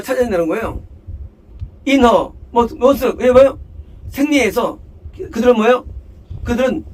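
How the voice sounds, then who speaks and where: A man's voice: high voice, low-quality recording. Blunt, scolding male pastor. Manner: questions the hearers, then answers himself, mixing English scripture words into his talk; blunt, scolding, speaks to hearers as "you". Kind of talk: expository sermon. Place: church in Seattle.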